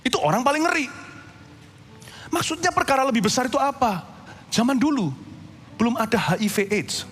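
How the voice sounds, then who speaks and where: A male pastor preaching a sermon, telling stories in a lively, animated way and acting out voices. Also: very high voice, fairly quick. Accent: Indonesian. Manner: animated storytelling preacher, acts out voices and shouts. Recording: long hall reverb with faint music.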